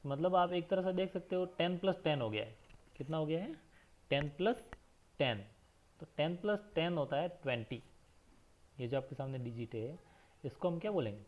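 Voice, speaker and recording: A male teacher leads a children's counting lesson at an unhurried, deliberate pace. His voice sits slightly high, and he spells each number out letter by letter, asking a question and then answering it. The recording sounds dull and lo-fi.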